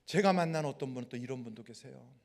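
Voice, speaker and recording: Talking fast in a mid-range voice with vocal fry, a male pastor delivers a sermon in a large worship hall, the recording carrying long hall reverb. He tells stories vividly, animatedly acting out their characters.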